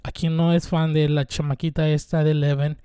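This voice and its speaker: Here the same twenty-something host from Veracruz, speaking with a Mexican Spanish accent, talks briskly but flatly through his solo show. He's irreverent and rambling, cursing often and leaning on fillers, his slightly high voice staying mellow and smooth. The mic sits close and dry, with no room audible.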